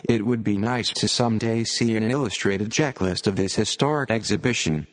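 A computer-generated male voice like an old speech synthesizer, reading scripted narration with stiff, robotic, measured phrasing. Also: fairly low pitch, in a large hall. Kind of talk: scripted narration, read aloud.

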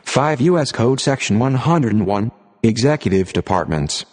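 A computer-generated man's voice reading formal text aloud as scripted narration, in an impersonal, measured manner. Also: medium pitch, animated, breathy edge. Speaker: narrator of an audio reading series. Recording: long hall-like reverb.

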